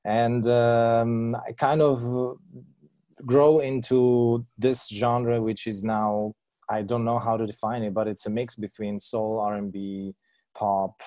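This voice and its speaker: A man from Italy, talking as a musician guest in a casual interview. His voice sits low and mellow, recorded dry and close. He speaks in a friendly, hesitant way, pausing to search for his words. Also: no room sound. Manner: friendly, hesitant, laughs between phrases.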